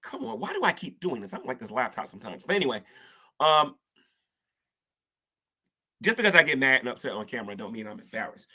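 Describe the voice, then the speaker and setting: A husky, forceful, bright male voice of medium pitch swings widely in pitch, talking fast with long pauses. He's an online commentator giving casual, self-reflective commentary to camera, rambling with frequent restarts and words like "ain't," and preaching about faith, the gospel and spiritual warfare.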